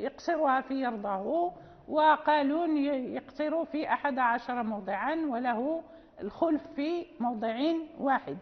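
A woman's voice: high-pitched, in a large hall, lo-fi sound. A woman teaching Quran recitation rules, explaining patiently and repeating key points. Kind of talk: recorded lesson.

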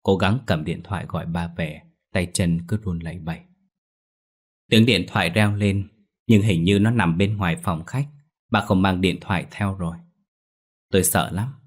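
A man narrating a ghost story in a hushed, suspenseful way. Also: low voice, slightly rough.

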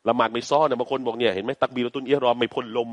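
A man teaching Quran recitation, chanting Arabic verses slowly and explaining pronunciation patiently in Thai. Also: medium pitch, little pitch movement, dry recording. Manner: slow, patient, demonstrates sounds repeatedly, chants verses.

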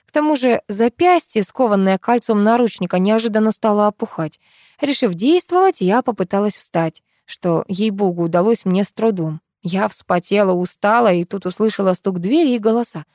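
A woman narrating a first-person novel as an audiobook, lively and jumping up in pitch on exclaimed lines. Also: normal speed, no room sound, studio quality.

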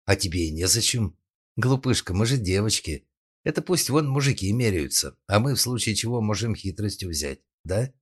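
A brash, tipsy young woman, acted by a male narrator in an audiobook, pitched far above his low voice. She speaks flippantly and carelessly. Her lines come out a bit louder than his narration. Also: lively intonation, moderate pace, breathy edge. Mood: coaxing.

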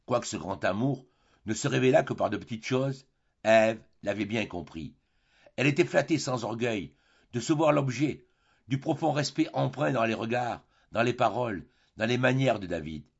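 A man reads a classic novel aloud in a steady, phrase-by-phrase manner. His voice is gravelly and somewhat husky. The recording sounds dull and lo-fi. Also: medium pitch, normal speed. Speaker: audiobook narrator. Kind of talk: scripted classic-novel narration.

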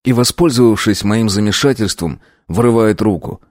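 A man's voice: lowish voice, normal speed, a little mellow, no room sound, clean studio sound. A man reading a first-person novel aloud as an audiobook, tense and brooding. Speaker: audiobook narrator.

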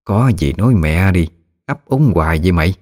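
A man's voice: low voice, animated, fairly quick, a little mellow. A man voicing a chatty, bossy village woman in her sixties with a Mekong Delta Vietnamese accent, blunt and familiar. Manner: blunt, familiar, talks down fondly.

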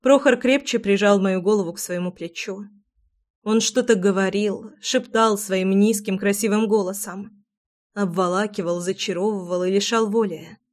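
A woman narrating a first-person romance audiobook, reading in an expressive, emotive way. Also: medium pitch, normal speed.

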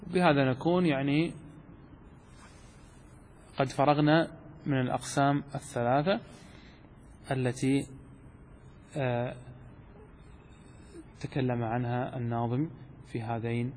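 Sheikh lecturing in a reverberant hall. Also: male voice, mid-range voice, fairly even intonation, a little slow, long pauses, a little mellow, slight background noise. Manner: asks rhetorical questions and answers them himself; repeats key terms for emphasis. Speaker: sheikh teaching rhetoric. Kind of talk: classroom lecture on Arabic rhetoric.

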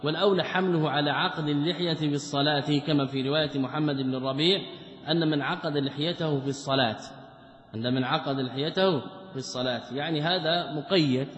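A man's voice: on the high side, fast, fairly bright tone. A male scholar giving a religious lesson, reading passages from a commentary and explaining them with rhetorical questions. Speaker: Islamic scholar teaching a text. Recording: muffled, echoey lecture hall recording.

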